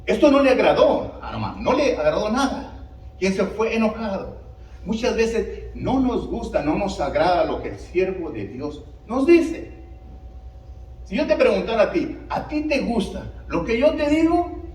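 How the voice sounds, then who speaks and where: Pastor, male, lively high voice, preaching in a church, roomy and a bit distant from the mic. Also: moderate pace. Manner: animated preaching with rhetorical questions to the congregation. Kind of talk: sermon. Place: church sanctuary.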